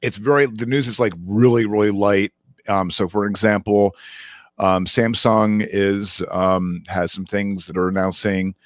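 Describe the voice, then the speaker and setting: A man co-hosting a casual tech news podcast, halting with many ums and restarts as he goes through the week's stories. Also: fairly low pitch, flat delivery, dry recording, studio quality. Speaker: podcast co-host.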